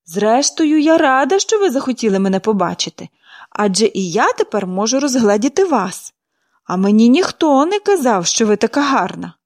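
A woman's voice: on the high side, sing-song, moderate pace. A woman reading a storybook and voicing a cheerful, talkative little girl who speaks eagerly. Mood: bubbly.

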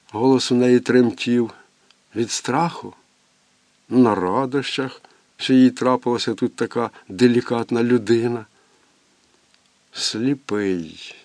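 A man reads a literary novel aloud in a measured, expressive way. His voice sits at an ordinary middle pitch. The recording is dry and close, with no room sound. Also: dry recording. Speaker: audiobook narrator. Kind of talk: literary audiobook narration.

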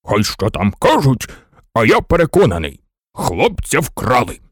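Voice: mid-range voice, sing-song, normal speed, dry recording, studio quality. A narrator playing a bossy, suspicious toy general. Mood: commanding. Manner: barking commands. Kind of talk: storybook reading.

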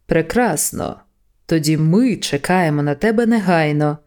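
A woman voicing a slow solemn heavenly voice. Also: deep voice, animated, darkish tone. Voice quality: measured, plural royal speech.

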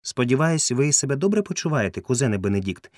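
A man voicing a polite, genteel lady who gently teases her cousin, recorded close and dry. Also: medium pitch, very animated, fast talker, no echo, voice pushed up, lightly acted. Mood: courteous, teasing. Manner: gently teasing, courteous.

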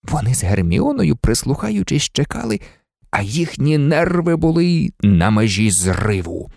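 Expressive male audiobook narrator. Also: mid-range voice, a little slow, gravelly, no echo, clean studio sound. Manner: dramatic, lively.

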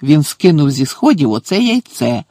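A spiteful old caretaker, put on by a male narrator, wheezing and shrill, his voice pitched up and raised to a yelp. The tone is gravelly and husky, read for a storybook recording in a dry, close room. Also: very animated, normal speed, a little mellow, dry recording. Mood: fawning. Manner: breathless, shrill and furious. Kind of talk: audiobook character voice.

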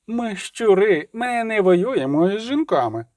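A man's voice: high-pitched, sing-song, fairly quick, a little mellow, no room sound, studio quality, voice pushed up. A man voicing a leering, mocking young bandit. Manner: sneering, taunting.

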